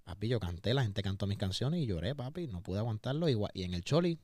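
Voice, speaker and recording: On the low side, expressive, quick and a little mellow, a Puerto Rican singer's voice carries his open, emotional podcast interview. He speaks with a Puerto Rican Spanish accent and often repeats words while searching for them. The studio recording is clean with no room sound.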